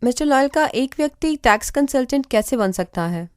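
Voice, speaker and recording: A woman hosting a radio interview, asking formal, clear questions. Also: sits high, lively intonation, a little fast, a little mellow, no echo, studio quality.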